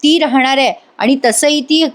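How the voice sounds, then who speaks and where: A woman's voice: high-pitched, moderate pace, close to an everyday voice. A woman voicing a caring young wife who speaks earnestly and turns firm when defending a child. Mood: indignant.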